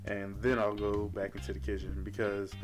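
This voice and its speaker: A young fitness vlogger talks to camera casually and informally, rambling as he addresses his viewers. His voice is on the low side with a level tone and normal speed. Music plays in the background, and the amateur vlog audio is noisy.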